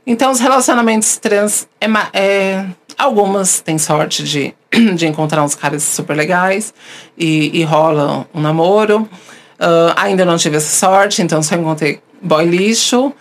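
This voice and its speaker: A woman's voice: lowish voice, unhurried. A woman, a podcast host now interviewed, telling candid personal stories and acting out the people she quotes. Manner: animated, acts out the voices of people she quotes.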